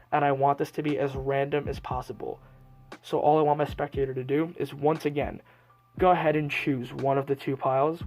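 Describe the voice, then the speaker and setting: A man's voice: on the high side, a little mellow. A man presenting as a card magician, explaining each step to viewers in a patter-like way. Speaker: card magician and video host. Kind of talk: card trick performance narration, addressed to viewers. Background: music.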